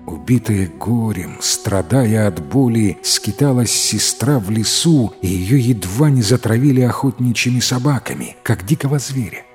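A man narrating a fairy tale in an expressive, dramatic storytelling manner. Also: on the low side, normal speed, few pauses. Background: faint music.

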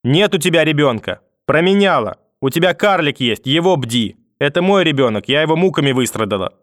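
A man's voice: animated, brisk, a bit bright, no echo, clean studio sound. A man shrieking as a spiteful old grandmother. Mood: bitter. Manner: shrill, venomous, cursing. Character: spiteful, screaming old grandmother, cruel and bitter.

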